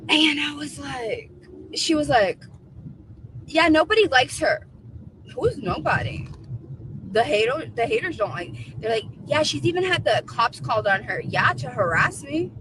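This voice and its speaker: A woman's voice: high voice, sing-song, a little slow, noisy background. A woman in her forties chatting casually on a livestream, emphatic and repeating her points for effect. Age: 40s. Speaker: co-host of a livestream.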